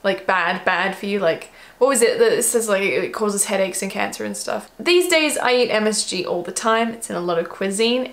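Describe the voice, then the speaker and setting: A woman with an Australian accent chatting casually and rambling in a self-mocking way as she reacts to an old video of herself. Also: mid-range voice. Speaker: vlogger.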